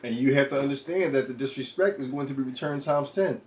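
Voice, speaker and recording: A man's voice: medium pitch, fast, darkish tone. A man co-hosting a casual movie review chat, talking expressively, laughing often and swearing while acting out quotes. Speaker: co-host of a movie review show.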